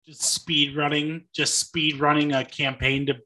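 A man's voice: a little high, level tone, a little slow, pushed and bright. A man co-hosting a podcast, talking casually about movies with enthusiasm and frequent swearing. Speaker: podcast co-host.

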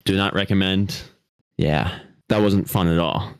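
A man's voice: sits low, a little slow, clear, resonant tone, dry recording. A young man co-hosting a casual podcast, rambling and laughing at himself as he talks. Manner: giggly, rambling, self-deprecating. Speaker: podcast co-host, driver.

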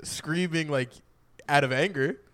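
A young man co-hosting a podcast, teasing his friends with quick remarks in casual chat. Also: on the high side, crowd noise. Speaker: podcast co-host.

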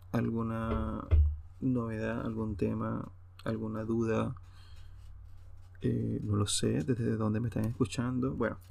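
Here the Venezuelan podcast host's medium-pitched voice carries vocal fry and a warm tone. He delivers a rambling, informal solo monologue, hesitating as he goes.

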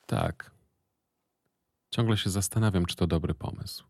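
A man's voice: sits low, measured pace, vocal fry, a little hiss or hum, pitched above the performer's own voice. A man reading a terse sullen young son.

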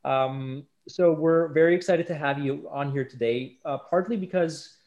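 A man's voice: a little high, normal speed, dull audio. A man hosting a podcast interview, talking casually with many fillers and restarts. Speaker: podcast host.

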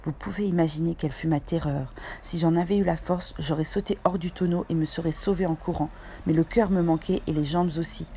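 A woman narrating a chapter of a novel in a steady, measured storytelling manner. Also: lowish voice, slight background noise. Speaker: audiobook reader.

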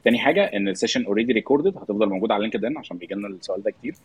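A man with an Egyptian accent hosting a live online interview in a casual, effusively polite, informal way, with a husky voice. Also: lowish voice, animated, racing. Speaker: podcast host welcoming a guest.

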